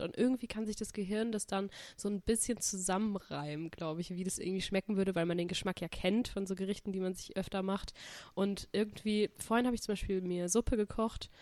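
A woman's voice: medium pitch, fairly even intonation, brisk, few pauses, a little mellow, no echo. A young woman chatting casually as a podcast co-host, rambling and slangy, mildly sick with a stuffy nose. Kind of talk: casual chat.

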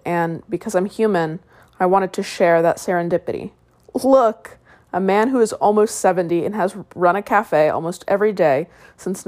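A woman with a slightly low voice reads as a sleep story narrator. She delivers a written article in a soothing bedtime narration style. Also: a little mellow.

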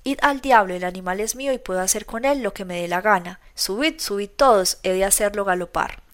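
A woman voicing a brutal, boastful drunken peasant man who shouts and bullies. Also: mid-range voice, fairly quick, natural voice. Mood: cruel shouting. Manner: shouting, loud and bullying.

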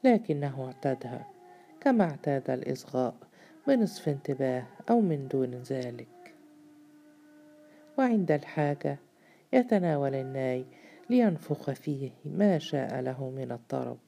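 Audiobook narrator: woman, very low gravelly voice, measured literary reading, faint music. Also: lively intonation, warm tone, slight background noise. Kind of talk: scripted narration of a novel.

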